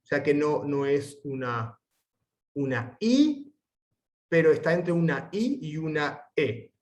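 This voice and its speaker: A man teaching an online Latin class, reading the text aloud and spelling out syllables and sounds slowly and carefully. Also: a little high. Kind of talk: recorded online lesson.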